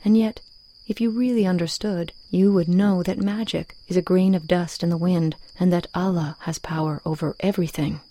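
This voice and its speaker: A woman voicing a sly, persuasive hyena in a storybook fable, measured and coaxing. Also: lowish voice, fairly even intonation, dark tone, close to an everyday voice. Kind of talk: storybook reading.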